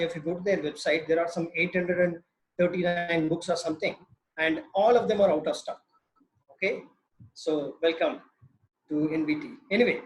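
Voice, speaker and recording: A slightly nervous man with a South Indian accent gives an informal talk in a halting, conversational, joking way. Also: high-pitched, low-quality recording. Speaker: webinar speaker.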